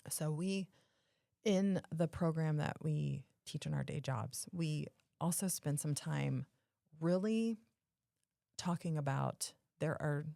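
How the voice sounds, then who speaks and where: A woman with a very low voice for her sex talks casually on a podcast. There is a strong fry in it and the sound is dry and close. She explains things emphatically, circling back to rephrase. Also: dark tone, no room sound. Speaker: podcast co-host.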